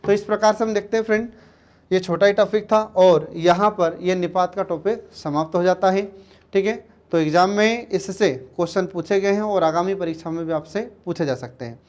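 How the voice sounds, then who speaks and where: A man teaching an exam-prep grammar lesson, going slowly, repeating words and often checking that students follow. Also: high voice, a little mellow.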